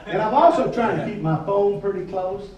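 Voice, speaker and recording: A man with a high voice speaks a little fast as a folksy, joking workshop presenter, casually explaining a challenge to a group and repeating his questions. He's in a large, echoey indoor room, picked up from a distance, with dull audio and crowd noise around him.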